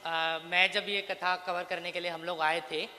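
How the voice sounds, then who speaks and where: A man's voice: high-pitched, level tone, moderate pace, sharp tone, big-room sound, a little hiss or hum. A man working as a journalist, asking questions at a public gathering in a polite, hesitant and deferential manner. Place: large gathering hall.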